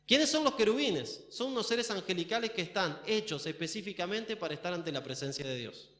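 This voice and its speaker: An Argentine pastor delivers a sermon with a high-pitched man's voice. He keeps questioning his listeners and lands hard on the key words. His voice carries an echo from the church hall around him. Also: a bit bright. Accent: Argentine Spanish. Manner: questioning, emphatic.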